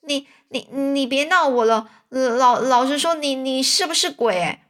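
Woman reading as young boy, nervous, stammering, high, storybook. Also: lively intonation, measured pace. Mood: scared.

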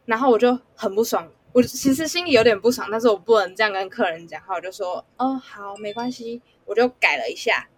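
A woman's voice: mid-range voice, fast talker, few pauses, slight background noise. A young woman student, telling a work story casually and animatedly. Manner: animated storyteller, acts out customers' voices. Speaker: guest, student.

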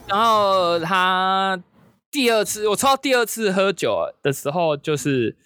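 A man's voice: sits high, animated, unhurried, sharp tone, clean tone, no room sound, studio quality. A man telling a story in casual chat, acting out quotes in a raised voice. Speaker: storyteller recounting hosting a company party.

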